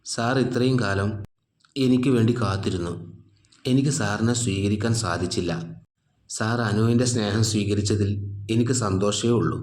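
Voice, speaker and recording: A man voicing a young heartbroken woman who speaks softly and with resignation. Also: lowish voice, moderate pace, long pauses, reverberant, natural voice. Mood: resigned. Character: young heartbroken woman, quiet and self-sacrificing.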